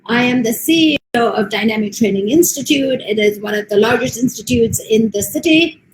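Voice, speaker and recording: Speaking briskly in a slightly high voice, an American woman delivers a motivational talk online, steady and earnest but filled with frequent ums. The rough recording is reverberant and carries a little hiss or hum.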